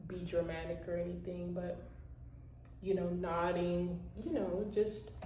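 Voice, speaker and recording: Speaking to her viewers in a fairly low, warm voice, a woman vlogger gives a conversational motivational talk full of "you know" and "like." There's roomy echo, her voice sits a bit far from the mic, and a little hiss or hum is audible.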